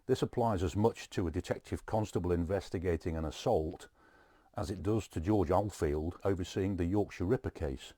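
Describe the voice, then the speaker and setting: Brief: very low, mellow male voice, calm and advisory, dry close sound. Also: normal speed, dry recording. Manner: calm, advisory, asks rhetorical questions. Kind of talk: expert commentary in conversation.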